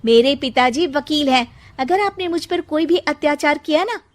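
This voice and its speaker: A woman voicing a bold, sharp-tongued young daughter-in-law in a cartoon, talking back with cheeky sarcasm. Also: sits high, expressive, normal speed, no echo, pitched above the performer's own voice. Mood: sassy. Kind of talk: cartoon voice acting.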